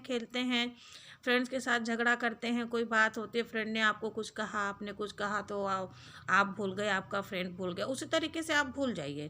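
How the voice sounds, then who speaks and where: Gentle, bright-voiced motherly woman. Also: a little high. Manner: gentle, motherly, speaks directly to young girls. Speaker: vlogger, mother giving advice. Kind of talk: casual advice talk to camera.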